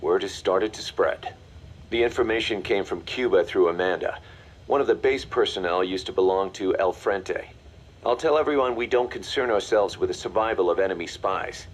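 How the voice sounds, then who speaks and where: An actor playing a mercenary second-in-command in a video game, briefing in a confident, matter-of-fact, commanding way. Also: male voice, deep voice, normal speed, slight background noise, lightly acted. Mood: hard-nosed. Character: brisk, hard-nosed male mercenary second-in-command. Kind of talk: video game voice acting, mission briefing dialogue.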